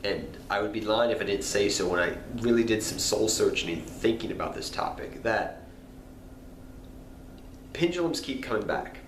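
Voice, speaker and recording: A man with a cold hosts a card game channel, speaking to camera in a lowish, expressive, nasal voice at a moderate pace. His casual talk rambles, repeats, and turns apologetic. The space is echoey, with faint noise behind him.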